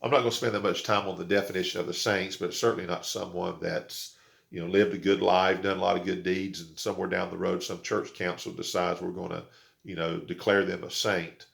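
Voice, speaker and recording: A man pastor telling a story in a halting devotional talk, with many fillers and repeated words. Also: sits low, flat delivery, a bit bright. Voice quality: gravelly.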